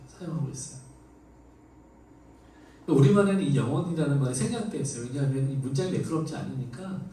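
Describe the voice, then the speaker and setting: A man preaching an expository sermon as pastor, lively, voicing the quoted lines in a raised voice. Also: a little high, a little hiss or hum. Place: church sanctuary. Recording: echoey church hall from far off.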